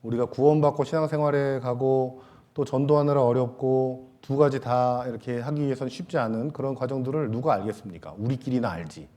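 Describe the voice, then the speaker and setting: A man preaching a Sunday sermon in a church, with a mellow, relaxed tone. He talks casually with the congregation, tosses in light jokes, and trails off into soft fillers between thoughts. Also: mid-range voice, a little fast. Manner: casual, joking asides to the congregation; many hesitation fillers, trailing off softly. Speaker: pastor. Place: church sanctuary.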